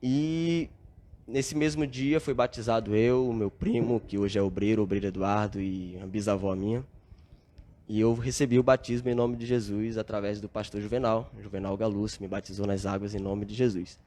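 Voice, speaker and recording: Guesting on a podcast, this young adult Brazilian man shares his own story in a relaxed storytelling interview. He sounds earnest and thoughtful, leans on filler tags often, and speaks at a moderate pace in a lowish, warm, steady voice.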